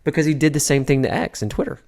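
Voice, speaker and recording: A man from the United States co-hosting a casual political chat podcast, talking in an animated, halting way with frequent restarts. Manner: animated, pitch jumps high when worked up. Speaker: podcast co-host.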